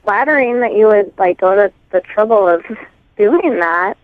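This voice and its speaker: A woman's voice: mid-range voice, lively intonation, moderate pace. Hesitant woman over a tinny phone. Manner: hesitant, filler-heavy, apologetic. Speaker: caller.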